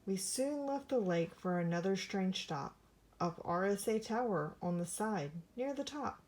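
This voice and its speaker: A woman reads a rhyming storybook aloud for young listeners, telling it with theatrical, dramatic expression. Her medium-pitched voice is mellow, soft-edged and expressive, and she goes a little slowly.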